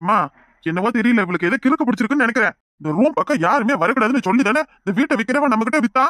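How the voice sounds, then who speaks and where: A man voicing an impatient young village husband in a cartoon, with a Kanyakumari Tamil accent and a brisk, exasperated manner. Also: extremely high pitch, animated, a bit bright, no echo, clean studio sound. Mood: irritated. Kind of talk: cartoon voice acting.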